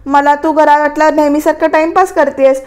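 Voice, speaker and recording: A feisty young wife from a TV serial who teases and argues back, as a woman reads her lines. She speaks in a high voice. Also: little pitch movement, normal speed, darkish tone, close to an everyday voice. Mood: bickering. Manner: teasing, argumentative.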